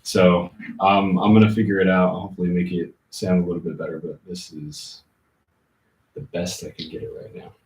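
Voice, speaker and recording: A man hosting a casual livestream, answering chat comments informally and thinking aloud in a halting way. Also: sits low, level tone, darkish tone. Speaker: livestream host. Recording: roomy, muffled, distant laptop-like mic.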